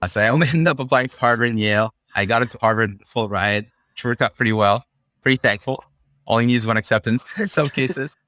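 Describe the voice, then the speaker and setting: A man's voice: medium pitch, fast, no echo, clean studio sound. Young Syrian man explaining things casually. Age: young adult. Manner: relaxed, thoughtful, explanatory with frequent fillers. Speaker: podcast guest. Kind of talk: casual conversational interview.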